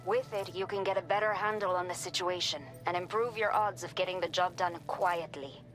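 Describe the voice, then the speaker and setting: An actress voicing a pregnant former bandit woman with a Mexican accent in a video game, earnest and measured. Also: on the low side, fairly even intonation, a bit bright, faint music behind, close to an everyday voice, poor audio. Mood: businesslike. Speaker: game character giving delivery orders.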